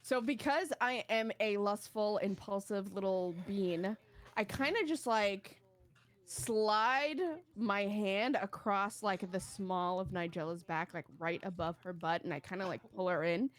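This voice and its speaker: A woman's voice: mid-range voice, measured pace. A woman playing a tabletop role-playing game, casual and filler-heavy, saying "like" constantly. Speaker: player.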